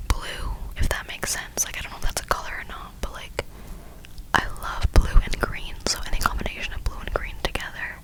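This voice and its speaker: A young adult woman speaking in a breathy, unvoiced whisper, rambling casually in slangy ASMR style. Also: poor audio. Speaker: ASMR creator.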